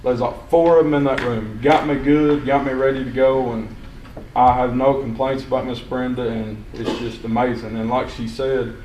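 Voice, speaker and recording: A man's voice: medium pitch, fairly even intonation, normal speed, a little mellow. A young man giving unscripted public comment at a county meeting, plain-spoken and rambling with restarts. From Sequatchie County, Tennessee. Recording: echoey hall, distant mic, faint hiss.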